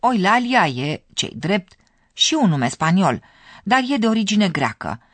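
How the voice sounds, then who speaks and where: A narrator giving scripted, measured explanations in a radio language course. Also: mid-range voice, very animated, fairly bright tone, dry recording.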